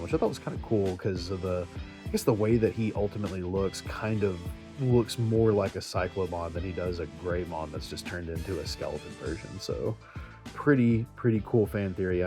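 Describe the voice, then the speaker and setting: A low-voiced man chats casually and enthusiastically with viewers, geeky fan vlogger style, as he goes through handheld virtual pet games.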